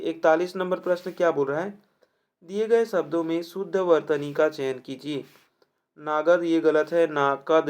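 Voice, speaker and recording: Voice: mid-range voice, a little mellow. Teacher firing off rhetorical check-in questions. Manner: keeps asking rhetorical check questions and repeating answers. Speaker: exam-prep teacher. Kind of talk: explaining test questions to students.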